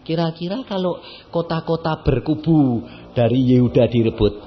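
Elderly Javanese-accented evangelist, slightly high voice, playful rhetorical sermon style, lo-fi tape. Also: male voice, lively intonation, moderate pace, a little hiss or hum. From Central Java, Indonesia. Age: 80s. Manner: keeps asking the congregation rhetorical questions; colloquial and playful, with sudden swings between loud and hushed. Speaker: evangelist preacher.

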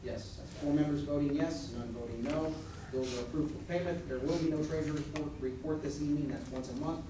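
Speaking a little fast in a steady, high-leaning voice, an American man presides as board president over a formal meeting, handling it procedurally and matter-of-factly. The indoor village board room is picked up by a distant camera mic in the audience, sounding very echoey and noisy.

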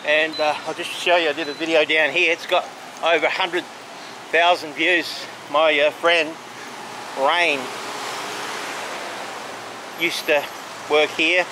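An Australian walking tour vlogger strolls along a city street, offering casual, halting commentary as he points out sights. His voice is a little high with a flat delivery. The outdoor recording clearly picks up traffic and vehicle noise.

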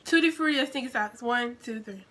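A woman hosts a casual challenge video at home, chatty and giggly with squealing exclamations. Her voice sits high and bright. She talks into a phone, with faint noise underneath. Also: brisk. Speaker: vlogger, channel host.

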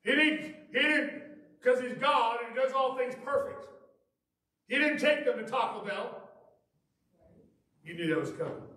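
High-voiced shouting preacher in an echoey church. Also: male voice, expressive, measured pace, long pauses, recorded from a distance. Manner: preaching with rising shouts and playful asides. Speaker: pastor. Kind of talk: revival sermon. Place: church sanctuary, preaching from a pulpit. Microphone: far camera at the back of the sanctuary.

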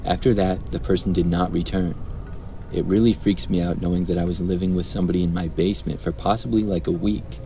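A man narrating true horror stories in a calm, even storytelling manner. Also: sits low, brisk, a little hiss or hum, low-quality recording.

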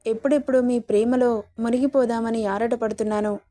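A teasing, coaxing young male lover, read out by a woman storyteller. The voice sits a little high and sounds mellow and warm, recorded close and dry. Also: fairly even intonation, a little fast, no room sound, close to an everyday voice. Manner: coaxing, playful.

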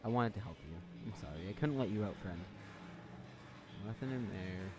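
A man giving casual gameplay commentary, swearing a lot, talking to the game's characters and yelling when startled. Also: lowish voice, expressive, normal speed. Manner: jumpy, yells when startled. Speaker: let's play host.

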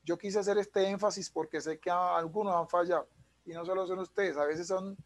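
A man's voice: high-pitched, fairly even intonation, a little fast. A man, an English teacher explaining punctuation patiently over a video call. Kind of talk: online class explanation.

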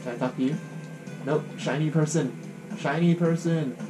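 A man's voice: fairly high pitch, steady tone, normal speed. A man casually commenting as he plays a game, with wry asides. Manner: chatty, wry asides while playing. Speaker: let's play host. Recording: guitar music playing behind.

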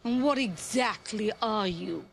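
A performer playing a smug, squeamish psychiatrist with slow, soothing hypnotist patter. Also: mid-range voice, lively intonation, gravelly, fairly bright tone, a little hiss or hum. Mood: soothing clinical. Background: music underneath.

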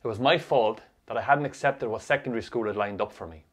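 A man's voice: fairly low pitch, fast talker. An Irish man giving a wry, profane voice-over narration for a short film.

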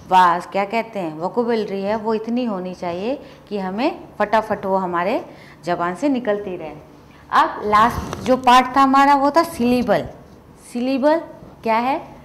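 A woman explains grammar at an unhurried, careful pace. Her voice sits a little high, and she keeps asking her class questions before answering them herself. A faint hiss and room ambience sit behind her. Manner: slow, rhetorical questions answered herself, mixing English terms in. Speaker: English grammar teacher.

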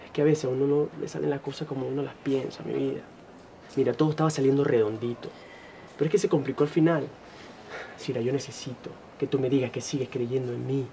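A man's voice: mid-range voice, fairly even intonation, quick pace, vocal fry, dark tone, slight background noise, close to an everyday voice. A man playing a tender, apologetic lover. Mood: pleading. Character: apologetic lover begging for trust. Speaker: Abel, Cira's lover. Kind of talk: telenovela acting.

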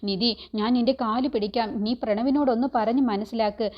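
A woman's voice: fairly high pitch, steady tone, a little fast, lightly acted. A woman voicing a middle-aged mother who begs for her daughter. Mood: pleading. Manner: begging. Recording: dull lo-fi recording.

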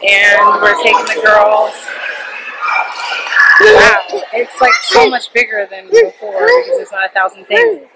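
A woman's voice: extremely high pitch, sing-song, unhurried, vocal fry, long pauses, heavy background noise. A young woman filming a casual vlog with a handheld camera at arm's length in an indoor shopping mall playground, bubbly and gushing over cute things. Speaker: vlogger. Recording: loud mall ambience behind.

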